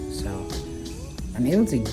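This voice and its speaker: A man's voice: medium pitch, very animated, a little slow. A man vlogging in a casual, laid-back way, talking slangy and calling people dude and bro. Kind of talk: casual vlog monologue. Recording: loud background music.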